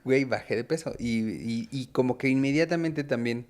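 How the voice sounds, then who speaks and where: A man's voice: mid-range voice, moderate pace, darkish tone. A young man with a Mexican accent, co-hosting a podcast, joking and telling personal stories in a slangy way. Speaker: podcast co-host. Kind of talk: casual podcast chat.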